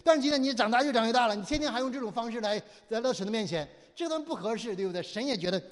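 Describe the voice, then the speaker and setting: A man's voice: very high-pitched, animated, very fast, big-room sound. A man preaching a sermon, firing rhetorical questions at his listeners and mockingly acting out whiny pleading prayers. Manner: preaching with constant rhetorical questions for the audience to answer. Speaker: pastor.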